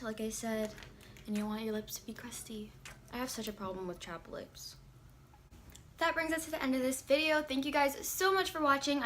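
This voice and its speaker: A woman's voice: medium pitch, a bit bright. A young woman talking through a casual makeup tutorial in a chatty, rambling way, filling her sentences with "like". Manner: chatty, rambling, heavy use of "like". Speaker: beauty vlogger.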